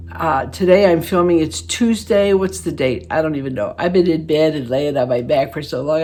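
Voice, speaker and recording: Chatty, folksy woman in her late seventies. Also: on the low side. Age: 70s. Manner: chatty and folksy, with laughs and self-deprecating jokes. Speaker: beauty vlogger. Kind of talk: casual chat to camera. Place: her living room.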